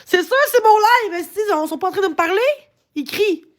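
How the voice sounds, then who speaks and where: This livestreamer has an extremely high-pitched voice, talks briskly, and the audio carries a little hiss or hum. Speaking with a Québécois French accent, she rambles in an agitated, casual rant, complaining and swearing frequently.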